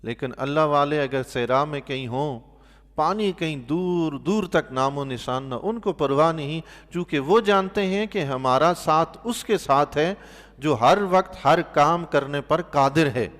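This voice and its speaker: A man, a mosque imam giving Quran commentary, telling stories with animated bursts of loudness and soft, quiet asides. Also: a little high, long reverb tail. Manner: animated storyteller, voice swelling loudly on emphatic points; drops to a soft, quiet tone for pious exclamations. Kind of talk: sermon-style Quran commentary with storytelling.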